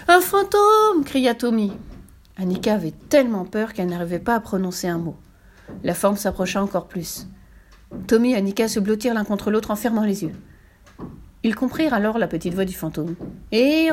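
Woman storyteller, mid pitch, expressive children's story narration, faint hiss. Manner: expressive, animated reading.

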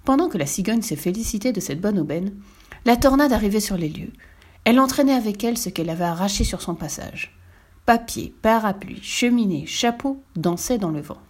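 A woman narrating a children's storybook aloud in an expressive, lively reading style. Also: mid-range voice, a little fast, husky.

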